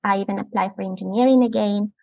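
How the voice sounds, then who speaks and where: A woman's voice: mid-range voice, fairly even intonation, fast, gravelly, no room sound. A woman in her thirties from Ecuador with a Latin American Spanish accent, a chatty and enthusiastic outdoor preschool educator talking as an interview guest. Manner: enthusiastic, chatty, laughs often. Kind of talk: casual interview chat. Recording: muffled lo-fi podcast audio.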